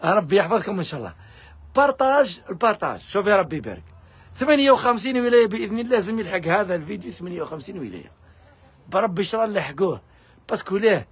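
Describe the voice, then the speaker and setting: A man with an Algerian accent, pitching fabric discounts in a pushy live sales video. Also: big pitch swings, breathy edge. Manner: rapid, pushy hawking to viewers. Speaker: fabric shop seller.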